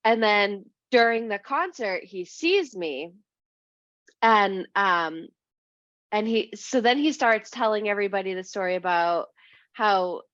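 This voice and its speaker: A young woman from New Hampshire, a podcast guest telling a long anecdote casually, full of "like" and "um", and lively when she quotes people. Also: mid-range voice, a little slow, no room sound. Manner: rambling, heavy use of "like" and "um"; animated when quoting others. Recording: dry, slightly muffled podcast mic.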